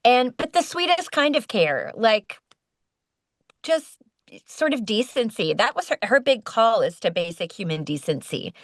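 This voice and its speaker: A woman's voice: fairly high pitch, sing-song, measured pace, no room sound. Brief: woman guest, casual interview, earnest, restarts, dry sound. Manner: warm, earnest, many restarts. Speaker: voice actress guest.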